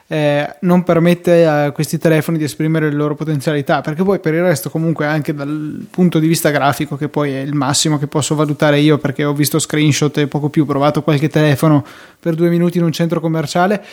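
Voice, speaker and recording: Higher-voiced man giving tentative opinions. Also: little pitch movement, fairly quick, darkish tone. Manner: tentative, qualifies his opinions. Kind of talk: casual tech podcast chat.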